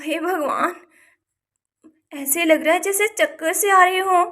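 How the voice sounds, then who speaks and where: A woman playing a gentle worried village mother. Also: extremely high pitch, unhurried, heavily acted. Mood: faint. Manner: soft, reassuring, sighing.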